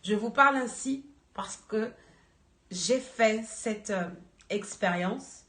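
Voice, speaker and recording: Slow, earnest woman exhorting a congregation. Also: mid-range voice, fairly bright tone. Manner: slow, earnest, searching for words. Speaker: church member giving an exhortation. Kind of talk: spoken church exhortation. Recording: echoey room.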